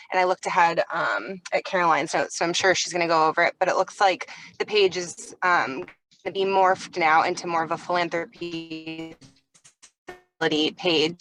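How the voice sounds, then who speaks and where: A woman on a car speakerphone while driving home, giving brisk, organized work updates with frequent ums. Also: on the low side, sharp tone, low-quality recording. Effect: car speakerphone call. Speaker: team member giving press release updates. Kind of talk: work video meeting update. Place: inside a moving car.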